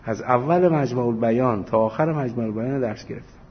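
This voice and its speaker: A man giving a religious lesson, telling anecdotes full of quoted dialogue and small chuckles. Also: mid-range voice. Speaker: religious teacher. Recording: dull lo-fi recording with faint hiss.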